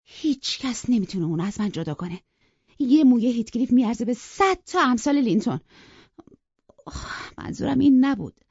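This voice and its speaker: A woman's voice: fairly high pitch, long pauses, dark tone, slightly rough, no echo, pitched above the performer's own voice. A woman doing a fiery young woman in love. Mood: fierce. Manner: impassioned, pleading and defiant. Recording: dry, dull lo-fi recording.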